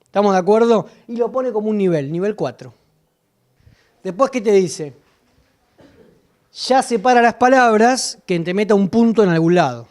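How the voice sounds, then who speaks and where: A woman's voice: medium pitch, expressive, normal speed, long pauses, a little mellow. A woman with a Rioplatense Spanish accent, lecturing teachers at a literacy workshop, asking questions and answering them herself. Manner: explanatory, asks and answers own questions.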